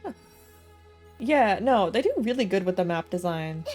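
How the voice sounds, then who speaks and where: With game music playing, a woman gives casual live commentary while streaming, reacting out loud as she goes. She speaks at normal speed in an animated, medium-pitched voice that is a little mellow.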